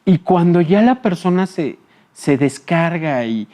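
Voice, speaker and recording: A man with a dark, mellow voice talks as a psychologist guest. He explains in a calm, patient way, pauses on filler words and checks that his listener follows him. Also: a little high. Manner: frequent filler hesitations. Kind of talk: explanatory interview talk.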